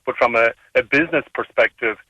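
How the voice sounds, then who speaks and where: A man giving measured, earnest commentary as a radio interview guest over a phone line. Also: mid-range voice, pushed and bright, slightly rough, no echo, recorded from a distance. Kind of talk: current affairs commentary.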